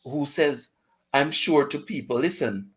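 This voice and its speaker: A man with a Jamaican accent hosts a radio chat show, his voice a little high and his pace a little slow. He's chatty and relaxed, dropping into patois and often laughing.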